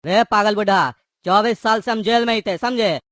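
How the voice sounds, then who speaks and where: This high, slightly bright male voice comes through clean and dry, with no room sound, at a moderate pace. A voice actor plays a hot-tempered cartoon gangster, mocking, taunting and threatening.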